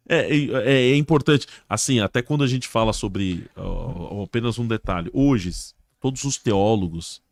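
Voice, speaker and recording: A man's voice: fairly low pitch, expressive, slow pace, gravelly, pauses often, no echo. A man with a Brazilian Portuguese accent, a pastor and guest on a casual religious podcast, who tells stories and acts out the dialogue in a raised voice.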